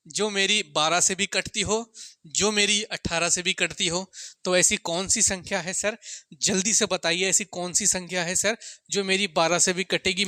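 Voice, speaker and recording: In clean, echo-free studio audio, a man with a high, sharp, clean-toned voice delivers an informal maths lesson as an exam-coaching teacher. He answers his own questions, repeats the core ideas, and regularly refers to listeners as sir and friends.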